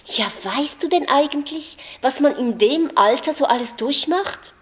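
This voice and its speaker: A woman reading the part of Anna, an earnest, soft-hearted friend who gets indignant and pleading in argument, in a slightly muffled recording. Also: mid-range voice, normal speed, close to an everyday voice.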